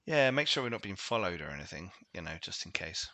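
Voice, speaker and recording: A man playing in a tabletop game, wry and quick to chuckle. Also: low voice, sing-song, pushed and bright, no echo. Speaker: player. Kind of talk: casual tabletop play.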